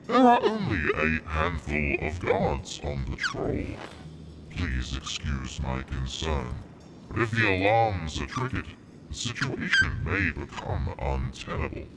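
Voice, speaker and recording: A man voicing a formal, humble male servant in dialogue through a deep metallic robot voice filter on his mixer. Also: wildly swooping pitch, heavily acted. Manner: formal, deferential, measured. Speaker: gaming streamer. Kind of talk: voicing game dialogue live. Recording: loud noise under a filtered voice.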